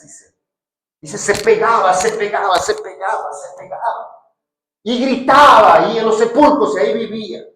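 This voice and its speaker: A male pastor preaching a sermon, telling a story with animated bursts of shouting and questions to the congregation. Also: sits high, reverberant, poor audio.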